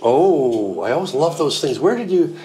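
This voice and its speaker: Excited man at a gem deal. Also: fairly high pitch, normal speed, a little hiss or hum. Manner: excited exclamations, repeats words. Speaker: gem hunter host. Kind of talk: casual chat while buying gems.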